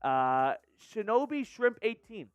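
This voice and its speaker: A man's voice: high-pitched, slow, clean tone, dry recording, lo-fi sound. A man hosting a live fan watch-party stream, calling the plays and hyping his chat. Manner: excitable, hypes chat and reads super chats. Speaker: fan channel host doing live play-by-play. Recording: dry close mic with faint music.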